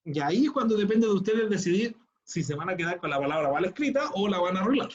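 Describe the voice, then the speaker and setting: A man teaches a class, his voice sitting fairly high for a man. He explains each step patiently and keeps checking that students follow. The audio is dull and muffled, as if it came through a lo-fi call. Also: lively intonation, quick pace. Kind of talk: online class instruction.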